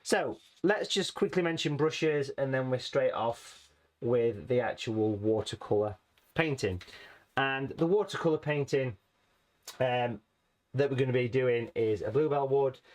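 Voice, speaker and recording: A man teaching watercolour painting in a chatty, friendly way, his voice a little hoarse and rusty from hay fever. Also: mid-range voice, a little mellow. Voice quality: rusty, slightly raspy. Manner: chatty, friendly, calls viewers folks. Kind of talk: casual painting tutorial.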